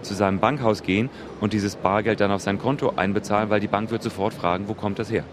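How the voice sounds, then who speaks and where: A man giving measured, formally worded interview answers as an executive. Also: fairly low pitch, steady tone. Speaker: art trade executive being interviewed. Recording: clear background noise.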